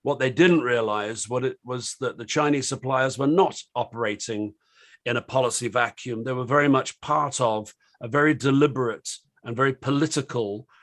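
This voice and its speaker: A British man hosts an online panel discussion, opening it over a video call in a slightly croaky, mid-pitched voice. He rambles hesitantly at normal speed, stopping and restarting with plenty of ums and uhs.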